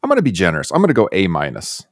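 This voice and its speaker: This is a man hosting a casual podcast review chat, from the Chicago area. His voice sits low but moves animatedly, rising and falling as he talks. The sound is dry and close, with a self-deprecating, easygoing manner. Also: huge pitch swings, rapid-fire, dry recording. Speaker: podcast host.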